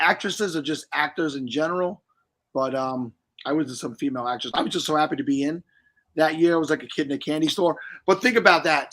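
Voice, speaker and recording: A middle-aged man talks loosely and at length as a livestream host, wandering through his points with jokey asides. His voice sits a little high and comes across bright and forceful. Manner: chatty, rambling, jokey. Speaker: podcast host. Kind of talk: casual livestream chat.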